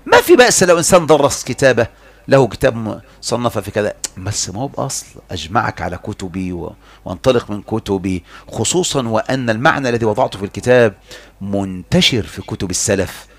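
Gravelly, animated Egyptian preacher man. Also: on the low side, quick pace. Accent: Egyptian Arabic. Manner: animated and mocking, swings between loud and hushed. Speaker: religious lecturer. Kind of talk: heated religious lecture.

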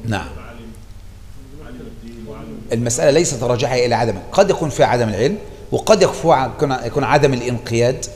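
A man with an Egyptian Arabic accent teaching a religious lesson, explaining a classical text in an animated way and repeating key phrases for emphasis. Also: medium pitch, quick pace, pauses often, long reverb tail, slight background noise.

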